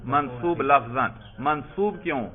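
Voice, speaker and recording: A man with a fairly high voice teaches grammar in a classroom lesson, quizzing students and prompting them for answers while calling listeners "brother." The recording is tinny and lo-fi, like a phone line.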